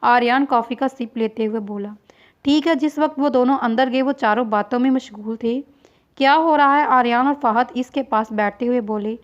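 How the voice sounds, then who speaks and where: A woman with a high voice reads a novel aloud in scripted narration. She keeps an even, read-aloud delivery and voices every character herself. The recording is dull and lo-fi, like a simple home setup. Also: moderate pace. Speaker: novel reader.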